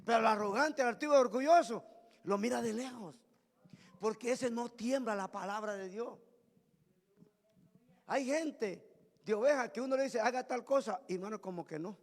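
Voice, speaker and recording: A man preaching a Pentecostal sermon as pastor in a church sanctuary. He swings between booming shouts and low, intense murmurs. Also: moderate pace, long pauses. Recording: long reverb of a church hall.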